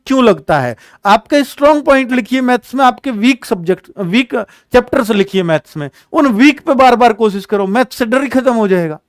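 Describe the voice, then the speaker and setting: A man's voice: very high-pitched, dry recording, studio quality. A man who teaches exam coaching, giving frank advice to students in a blunt, chatty way. He scolds, repeats his points and nudges students along.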